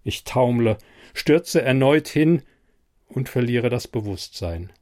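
A man's voice: mid-range voice, animated, takes it slowly, darkish tone. A man narrating a first-person horror story in a tense, dramatic reading.

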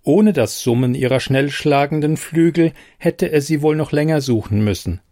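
A man reading a fairy tale aloud in a calm, measured storytelling manner. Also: a little high. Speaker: narrator.

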